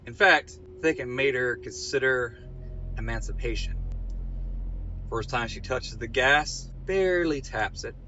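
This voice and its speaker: Bright-voiced man telling a wry comic story. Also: medium pitch, a little slow, lo-fi sound, slight background noise. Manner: dry, wry asides and punchlines.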